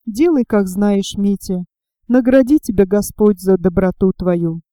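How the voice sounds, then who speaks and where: A woman's voice: fairly high pitch, lively intonation, unhurried, warm tone, no room sound, clean studio sound. A woman reading the part of a grieving young woman, voicing her pleading, tearful lines in a storybook. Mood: resigned.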